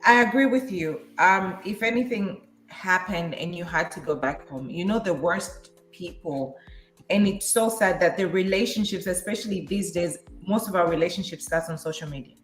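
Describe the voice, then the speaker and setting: A woman's voice: on the low side, moderate pace, faint music behind. A woman in her forties co-hosting a casual panel talk, speaking in a reflective, agreeable way. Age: 40s. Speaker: panel co-host. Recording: roomy echo.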